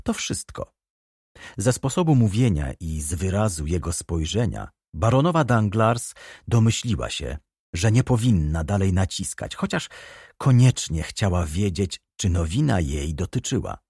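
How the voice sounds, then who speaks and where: A man narrating a classic novel as an audiobook, expressive storytelling. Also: low voice, normal speed, breathy edge, no room sound, studio quality.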